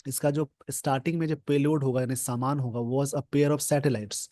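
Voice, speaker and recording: A man teaching English grammar from a newspaper, explaining slowly and repeating key words. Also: mid-range voice, fairly even intonation, dark tone. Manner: slow, repetitive explaining, mixing English terms into Hindi.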